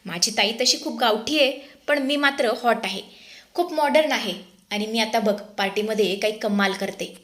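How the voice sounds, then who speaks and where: A woman's voice: fairly high pitch, moderate pace, fairly bright tone, close to an everyday voice. A woman voicing a vain, boastful young bride in a spoken story recap. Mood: excited.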